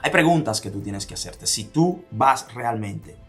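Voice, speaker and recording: A motivational speaker, a man with a Dominican accent, hammers his listeners with one rhetorical question after another. His voice sits at an ordinary pitch, and he swings from forceful lines down to hushed ones. Light music plays quietly beneath him. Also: lively intonation, a little slow. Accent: Dominican Spanish. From Dominican Republic. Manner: emphatic, fires repeated rhetorical questions, drops to near-whispers for stress. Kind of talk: motivational talk.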